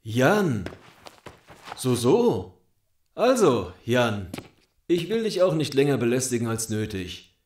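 A male actor with a mid-range voice and big pitch swings plays a smug gang boss interrogating someone in an audio drama. He is softly menacing, mock-polite, taunting and deliberate. The room sounds echoey.

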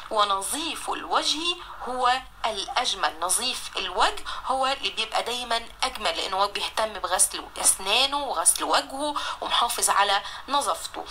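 A young woman with an Egyptian accent teaches young children Arabic. Her voice is bright and sits a little high, and she stretches words out slowly to sound them out and praises her pupils often. Faint noise hums behind her. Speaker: primary school Arabic teacher. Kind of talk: recorded online lesson.

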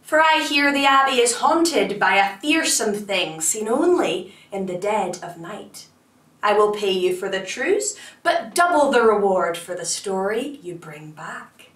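A woman voicing a wealthy laird making a hushed, conspiratorial request, recorded roomy and from a distance. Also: mid-range voice, animated, unhurried. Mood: secretive. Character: wealthy Highland laird, scheming and secretive.

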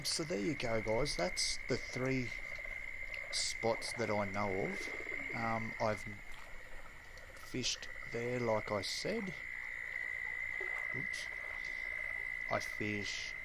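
A young man giving a relaxed, rambling gameplay tutorial full of fillers and pauses. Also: medium pitch, heavy background noise. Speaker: game streamer. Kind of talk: casual gameplay tutorial commentary.

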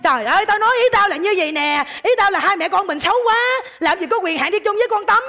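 A woman's voice: extremely high pitch, animated, fast, vocal fry, bright, forceful tone, heavily acted. An actress playing a bossy, dim-witted stepmother in a stage comedy sketch, scolding and bickering with pun-filled lines. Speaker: comic stage actor.

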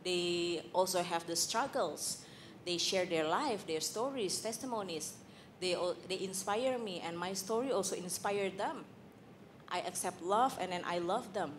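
Speaking as a church panel guest, this Indonesian woman shares her honest testimony in an Indonesian accent, pausing and filling gaps as she goes. She has a lowish voice, heard through a handheld microphone in a big hall with slight hiss or hum.

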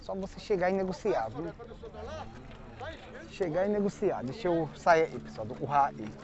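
Crowd noise surrounds this fairly high-pitched, animated vlog host, a Northeastern Brazilian man speaking at a moderate pace among the outdoor cattle market pens. In a casual, folksy way he asks about prices, repeats them back, and tacks small questions onto his phrases, all captured in dull outdoor audio from a handheld phone behind the camera.

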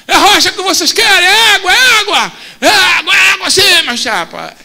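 A man preaching a sermon voicing a desperate biblical prophet, shouting and pleading loudly. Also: extremely high pitch, expressive, normal speed, gravelly, pitched above the performer's own voice, exaggerated voice. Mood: excited. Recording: long church hall reverb.

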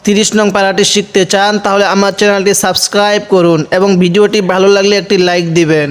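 Man, high voice, smooth resonant tone, Quran reading teacher, spells out letters, slow chanted words. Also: level tone. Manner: spells out letters and vowel marks, then chants the words slowly; asks questions and answers them himself. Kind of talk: step-by-step recitation lesson.

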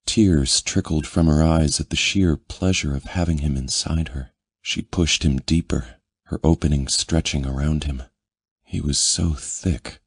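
A man reading a romance audiobook as narrator, in a low, intimate manner. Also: slightly rough, no echo, studio quality. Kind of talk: scripted narration.

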